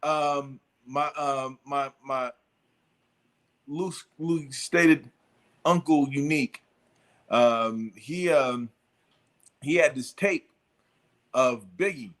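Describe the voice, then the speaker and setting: A man's voice: mid-range voice, extremely slow, long pauses, a bit bright. A middle-aged man hosting a casual chat, telling a long story with lots of fillers and restarts. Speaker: podcast host.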